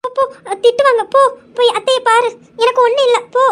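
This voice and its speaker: Brief: a chatty, teasing teen girl, played by a woman, very high-pitched. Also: little pitch movement, a little fast, a bit bright. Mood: bossy. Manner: chatty, cheeky, bossy. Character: playful teasing teenage sister.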